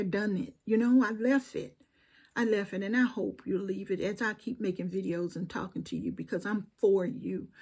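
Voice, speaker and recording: A woman's voice: mid-range voice, mellow. A middle-aged woman with a Southern accent giving earnest, preachy commentary straight to camera and repeating phrases for emphasis. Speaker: video commentator.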